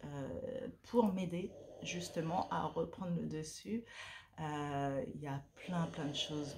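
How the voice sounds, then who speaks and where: A woman's voice: low voice, a little mellow, a little hiss or hum. A woman from French Guiana, a sophrologist, talking casually to camera at home with many hesitations and repeated words. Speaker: vlogger and sophrologist. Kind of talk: casual vlog talk to camera. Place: at home, a dog snoring nearby.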